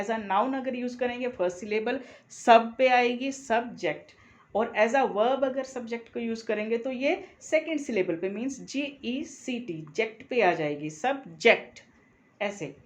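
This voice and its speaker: A woman with an Indian accent, giving a classroom lecture and patiently restating each point several times. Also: fairly high pitch. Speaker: teacher-education lecturer. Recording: roomy echo.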